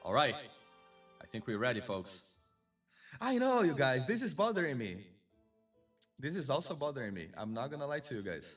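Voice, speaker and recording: A man's voice: mid-range voice, big pitch swings, moderate pace, pauses often, a bit bright, distant mic, soft background music. A man hosting a casual live stream, chatty and effusive, greeting viewers and a co-host.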